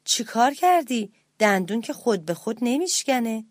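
A woman's voice: on the high side, sing-song, dry recording, studio quality. A woman voicing a nosy woodpecker who fires off questions and teases in a children's story. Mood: puzzled. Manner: quizzing, mocking. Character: nosy, teasing woodpecker who laughs easily.

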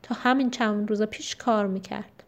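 A loving mother, calm and forgiving. A woman reader voices her. Her speech is steady and reassuring. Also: medium pitch, close to an everyday voice. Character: warm, understanding mother.

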